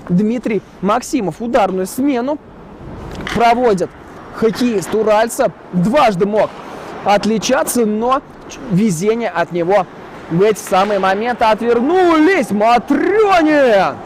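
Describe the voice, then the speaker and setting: Male hockey commentator, high voice, excitable play-by-play delivery, recorded over clear venue noise. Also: a little slow, rough recording. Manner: excited, rising exclamations on chances and saves. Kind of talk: live ice hockey commentary.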